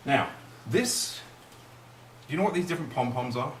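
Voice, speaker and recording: A middle-aged magician at a kids' party speaks at a moderate pace in an animated, mid-range voice. His playful banter leads the children along with questions, and the sound is roomy and distant with faint background noise.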